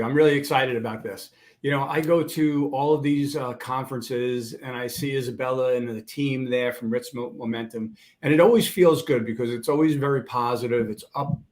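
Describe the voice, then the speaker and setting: A man interviewing a podcast guest in an upbeat, enthusiastic way, often saying "you know". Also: medium pitch. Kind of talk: casual interview.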